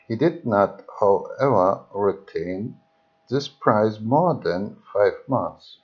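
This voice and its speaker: Slow, halting man reading history aloud. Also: on the low side, animated, muffled recording. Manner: halting, restarts words often. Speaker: reader.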